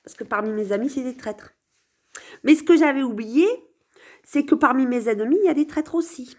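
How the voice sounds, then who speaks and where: A woman's voice: sits high, brisk, darkish tone. Rambling, hesitant woman talking to camera. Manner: hesitant, many fillers and restarts, musing aloud. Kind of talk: rambling casual vlog monologue.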